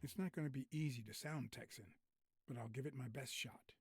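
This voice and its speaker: A wry cat detective. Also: male voice, medium pitch, brisk, slightly rough, no room sound. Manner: dry, wry inner monologue. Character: wry male cat detective narrating his thoughts. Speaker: video game character. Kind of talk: noir game narration.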